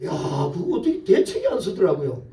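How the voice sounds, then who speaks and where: A male pastor preaching a sermon in a church, telling stories lively and asking the congregation questions. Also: on the high side, brisk. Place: church sanctuary. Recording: echoey church, voice from far off the mic.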